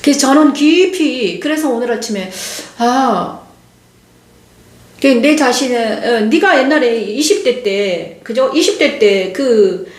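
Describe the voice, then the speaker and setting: Halting older woman pastor, echoey room. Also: fairly high pitch, animated. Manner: halting, slow, with many restarts and pauses. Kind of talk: testimony sermon.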